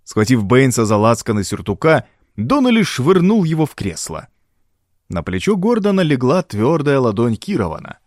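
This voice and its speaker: A man narrating an audiobook in an expressive, dramatic reading. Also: mid-range voice, normal speed, dry recording, studio quality. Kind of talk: scripted narration.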